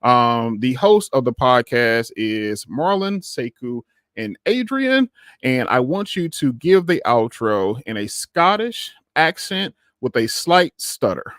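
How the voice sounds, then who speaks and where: Lively-voiced casual male podcast host. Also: mid-range voice, slow pace, dry recording, studio quality. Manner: relaxed, rambling, with many fillers and restarts. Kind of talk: casual tech chat.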